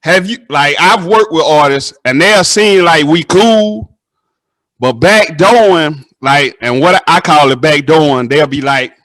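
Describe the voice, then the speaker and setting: A man, hosting a casual interview and telling animated stories that act out the dialogue. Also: on the high side. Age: 30s. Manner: animated storytelling, acts out dialogue.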